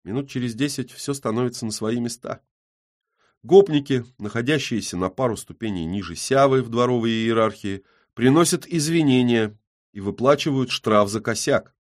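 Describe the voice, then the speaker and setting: A man's voice: medium pitch, moderate pace. A man reading a first-person audiobook with gritty, tense storytelling. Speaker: audiobook narrator.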